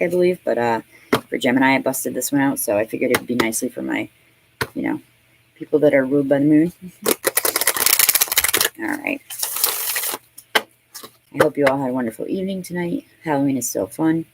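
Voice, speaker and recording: A woman's voice: very deep voice, normal speed, gravelly, pauses often, darkish tone, a little hiss or hum, low-quality recording. A woman in her late thirties gives a casual tarot reading in a loose, conversational way. She swears freely, laughs often and fills her talk with "um" and "you know". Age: 30s. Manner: chatty and profane, laughing often, full of fillers. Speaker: tarot reader.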